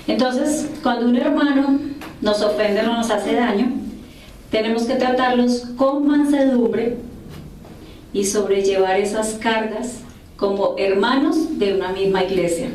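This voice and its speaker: A woman speaking earnestly to a church group, sharing a personal testimony with pauses and restarts. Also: on the high side, darkish tone, slight background noise. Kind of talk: religious talk with personal testimony. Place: church group meeting room. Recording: echoey room, mic far off.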